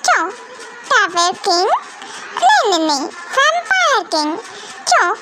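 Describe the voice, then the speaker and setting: A woman's voice: extremely high pitch, sing-song, a little slow, heavily acted. A young woman doing a sassy, jealous girlfriend. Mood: taunting. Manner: scolding, sarcastic and sassy. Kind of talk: amateur Hindi fan dub. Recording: music playing under the voice.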